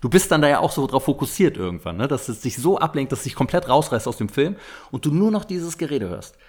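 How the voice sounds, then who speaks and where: A man, telling a story in casual chat, animated and acting out the people he quotes. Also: mid-range voice, quick pace, breathy edge.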